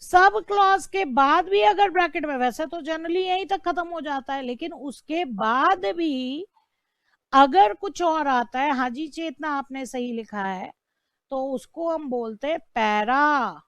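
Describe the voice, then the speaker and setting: Woman teaching law online, high voice, keeps asking what do we call it and repeating stuff. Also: a little slow, fairly bright tone, no echo. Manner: asks rhetorical questions and repeats key terms. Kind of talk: online lecture.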